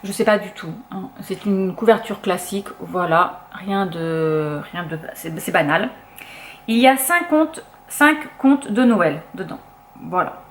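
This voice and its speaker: A woman's voice: fairly low pitch, lively intonation, unhurried, slight background noise. A young French woman chatting casually as a book vlogger, full of fillers and restarts. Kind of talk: casual chat.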